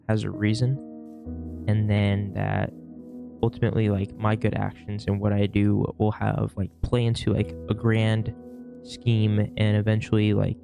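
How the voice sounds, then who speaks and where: A sick young man who is losing his voice rambles casually through a talking-to-camera vlog, his fairly low voice worn and gravelly. He's a vlogger who also works as a shift manager, and his talk is full of fillers and restarts.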